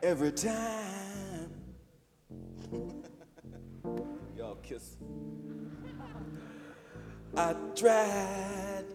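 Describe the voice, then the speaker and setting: A man voicing a strange female alien creature in a slow, deep drawl. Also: animated, music in the background, full character voice. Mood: eerie. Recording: echoey hall with live band.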